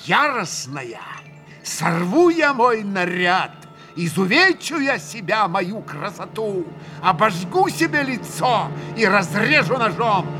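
A man's voice: high-pitched, voice pushed up. A man reading an audiobook, voicing a proud, passionate young woman who swings into hysterical outbursts. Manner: fierce, sobbing outbursts.

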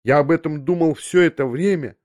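A man's voice: a little high, fairly quick, a little mellow, no room sound, clean studio sound, voice pushed up, close to an everyday voice. A man reading an audiobook, voicing a flustered, earnest young man who blurts his questions out. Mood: astonished. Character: awkward, impetuous young man, stunned and earnest.

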